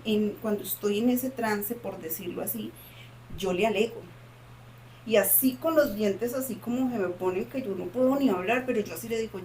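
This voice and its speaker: There is a little hiss or hum behind this medium-pitched female podcast co-host. In a casual, dramatic, animated way, she retells a personal story and keeps repeating phrases.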